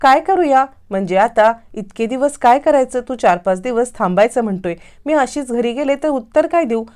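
Woman doing eloping young woman, hurried, self-justifying, higher voice. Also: lively intonation, darkish tone, close to an everyday voice. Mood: anxious. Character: young woman eloping, anxious then calculating.

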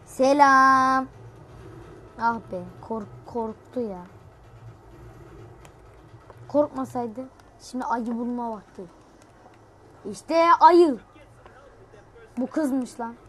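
A woman giving excitable gameplay commentary, swearing playfully and shouting sudden exclamations. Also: fairly high pitch, takes it slowly, pauses often, husky. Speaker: gamer.

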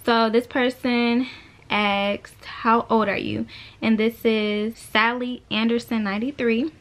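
A twenty-one-year-old woman vlogs from a small bedroom, filmed by a camera held at arm's length, answering viewer questions. Her voice sits on the high side with little pitch movement, and she speaks slowly. She's chatty and laid-back, talking loosely and packing in fillers like "like" and "you know."

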